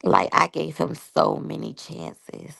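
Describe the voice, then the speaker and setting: A woman in her thirties talks candidly to viewers, reviewing a reality show and recounting personal stories. Her voice is low, creaky, and fairly bright, with lively intonation and a slow pace, and the recording is slightly rough.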